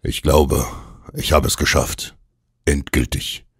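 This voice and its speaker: A man voicing an old male occultist uncle who is feverish and domineering, speaking gruffly and with slow intensity. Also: a bass voice, steady tone, dry recording, clean studio sound, full character voice. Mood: curt.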